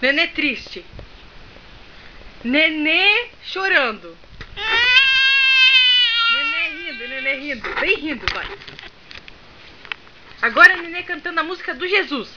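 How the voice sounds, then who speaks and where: A woman's voice: high-pitched, very animated, normal speed, long pauses. A young mother filming her small daughter at home, playfully coaxing and bossing her through a dance and silly faces. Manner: playful, coaxing, bossy commands. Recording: dull lo-fi home camera, clear background noise.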